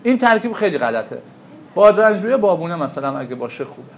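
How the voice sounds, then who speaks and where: Animated high-voiced man lecturing in echoey room. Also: slight background noise. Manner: animated, asks the class questions and answers them. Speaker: traditional medicine teacher. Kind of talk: classroom lecture.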